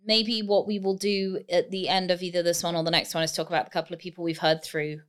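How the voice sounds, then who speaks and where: Smooth low-voiced woman, chatty podcast co-host. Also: little pitch movement. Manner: chatty, quick reactions. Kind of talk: casual chat.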